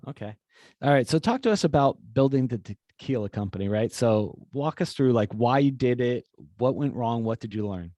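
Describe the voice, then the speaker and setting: A male podcast host asks questions in a casual, encouraging way. His voice is mellow and mid-pitched. The sound is dry and close. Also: animated, moderate pace, dry recording. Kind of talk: podcast interview.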